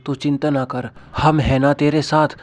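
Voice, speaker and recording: A man's voice: on the high side, little pitch movement, a little slow, natural voice. A man narrating a story voices an anxious, caring elderly mother-in-law in a motherly, pleading manner. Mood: reassuring.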